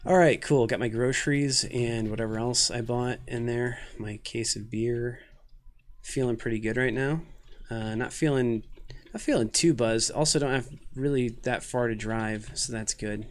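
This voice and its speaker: A man's voice: mid-range voice, fairly even intonation, normal speed. Rambling thirty-year-old man streaming a game. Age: 30s. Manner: rambling, self-mocking and jokey. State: tired and loopy from little sleep and caffeine. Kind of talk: casual live-stream commentary.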